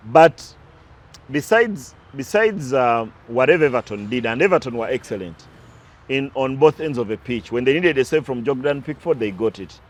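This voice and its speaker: A man with an animated, medium-pitched voice discusses recent football matches at normal speed. As a pundit in casual sports talk, he analyzes, digresses into side stories, and restarts at times.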